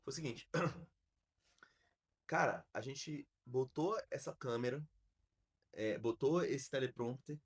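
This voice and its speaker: A man from Brazil, a podcast host, telling a story in a casual, slangy, animated way with many restarts. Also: mid-range voice, slow pace, pauses often, slightly rough.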